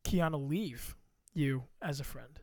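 A man's voice: a little high, slow pace, darkish tone, no echo. A young man co-hosting a casual podcast, joking and trash-talking playfully into a close mic. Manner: joking, playful trash talk and mock rapping. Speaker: podcast co-host. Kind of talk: casual chat. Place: home room at a computer. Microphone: close microphone.

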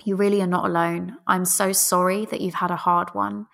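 A woman's voice: lowish voice, little pitch movement, moderate pace, vocal fry, a bit bright. A British woman in her thirties speaks straight to listeners as a podcast host and coach, chatty, breezy and cheeky with theatrical emphasis. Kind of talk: solo podcast, chatty direct address to listeners.

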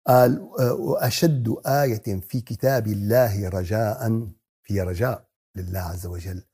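A man teaching Quran commentary. He asks the audience questions, answers them himself, and addresses the listeners warmly. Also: lowish voice, steady tone, a little slow, husky. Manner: talks to the audience as "beloved ones" in a warm teaching tone.

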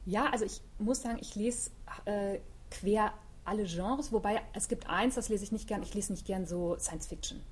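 Middle-aged woman, author guest, chatty and reflective, average pitch. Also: moderate pace, slightly rough. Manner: reflective, chatty, many fillers. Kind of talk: casual interview talk.

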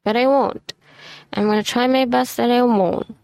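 Tired, teary woman ranting with vocal fry. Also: a little high, steady tone, moderate pace, a little mellow, no echo. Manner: frank venting with swearing. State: tired and close to tears. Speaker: vlogger. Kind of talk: casual ranting monologue. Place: messy room at home. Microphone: desk microphone.

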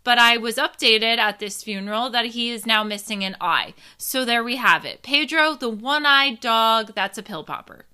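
A woman's voice: on the high side, normal speed, few pauses, sharp tone, smooth. A woman hosting a casual storytelling show. She speaks candidly to her listeners, swears now and then, and turns reflective. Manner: candid, profane, reflective, addresses listeners as y'all. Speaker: podcast host telling a story.

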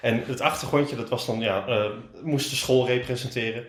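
A young man recounts a school story in a relaxed, casual way and chimes in with jokes. His voice sits at an ordinary pitch, and the recording has an echoey room sound. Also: moderate pace. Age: young adult. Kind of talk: casual group chat.

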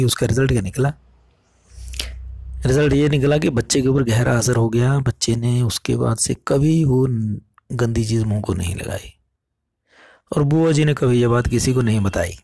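A man telling a moral story in an earnest, preachy, animated storytelling manner. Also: medium pitch, moderate pace, creaky, breathy edge, no echo, studio quality. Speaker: motivational speaker.

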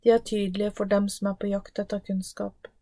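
A woman's voice: mid-range voice, flat delivery, dark tone, no room sound, lightly acted. A woman reading as Wisdom, solemn and ancient. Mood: proclaiming. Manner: solemn, declaiming. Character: personified Wisdom, female, ancient, proclaiming. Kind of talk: scripted Bible reading.

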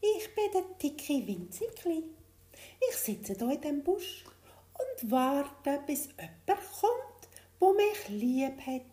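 A man voicing a tiny, gentle and clever boy in a storybook tale, in a piping high voice. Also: big pitch swings, slow, heavily acted. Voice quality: piping, high and distant-sounding. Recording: roomy echo.

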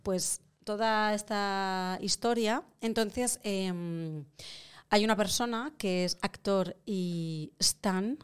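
A woman, an actress co-hosting a casual live chat, telling stories in a playful, animated way. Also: medium pitch, slow, clear, resonant tone. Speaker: actress, guest co-host.

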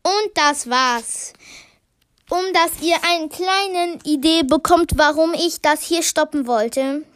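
Woman podcast host, high-pitched and slow, casual book commentary full of fillers. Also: a bit bright. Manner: thinking aloud with many fillers and restarts; reads short passages aloud, then comments on them.

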